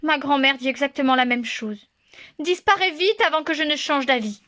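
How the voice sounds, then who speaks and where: A woman voicing a sentimental, hungry young male wolf in a children's storybook reading, grumbling and gruff yet softhearted. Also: sits high, normal speed, pitched above the performer's own voice.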